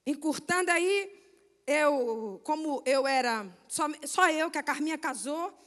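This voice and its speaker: A woman from Brazil with a Rio de Janeiro accent, giving an animated testimony sermon and acting out the people in her story, often asking "né?" and "amém?". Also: high-pitched, measured pace, long reverb tail. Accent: Brazilian Portuguese, Rio de Janeiro. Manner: animated storytelling, acts out quoted voices, frequent "né?" and "amém?". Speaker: guest missionary speaker. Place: church sanctuary.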